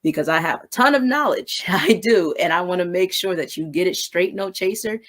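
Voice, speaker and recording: Full of energy and informal, a female faith-based business mentor delivers a devotional on relationships in business, frequently checking in with "you know what I'm saying."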